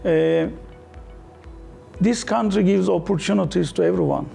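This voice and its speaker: A man from Turkey with a Turkish accent, a guest on an interview show, speaking earnestly with halting fillers. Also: high voice, gravelly, warm tone, soft background music. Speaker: guest entrepreneur. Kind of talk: casual interview talk.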